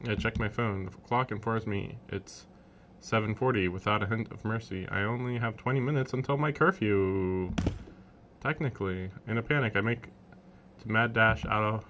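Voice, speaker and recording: A man live streams a visual novel, reading its text aloud and breaking off for casual, wry, incredulous commentary while game music with strings plays. His voice is lowish and a bit bright at normal speed, with slight background noise.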